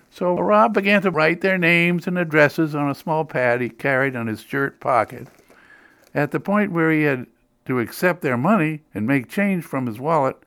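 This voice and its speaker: An older man with a New England accent tells a story in a wry, dryly humorous way. His pitch moves in a lively, expressive way as he narrates. The sound is close and dry, with no room echo. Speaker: magazine editor.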